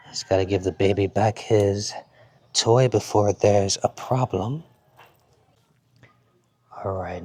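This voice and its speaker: A man giving a casual show-and-tell of sports jerseys at home, talking in an unhurried, halting way and repeating words. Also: on the low side, darkish tone. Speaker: jersey reviewer. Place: home, with his baby nearby.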